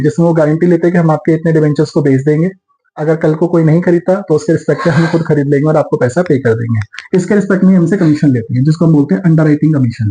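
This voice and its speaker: A man teaching accountancy in a classroom lecture, explaining step by step, mixing English terms into Hindi in an Indian accent and slowing down to dictate entries. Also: on the high side, warm tone, low-quality recording. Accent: Indian English terms mixed into Hindi.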